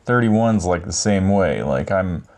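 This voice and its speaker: A man in his thirties co-hosting a podcast, chatting casually in a laid-back, rambling way with many pauses. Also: low voice, animated, darkish tone. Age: 30s. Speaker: podcast co-host. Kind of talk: casual chat.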